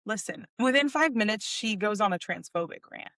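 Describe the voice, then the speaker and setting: A young woman podcast co-host, chatting casually and telling a long story in an animated way, with many "like"s. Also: medium pitch, normal speed, dry recording, clean studio sound. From United States. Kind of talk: casual chat.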